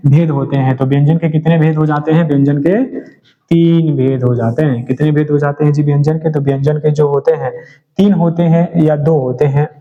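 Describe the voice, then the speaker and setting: A man's voice: a little high, warm tone. A male teacher going through exam questions one by one, asking each question aloud and then answering it himself. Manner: keeps asking and answering his own questions. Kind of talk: exam-prep lecture. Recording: dull lo-fi sound.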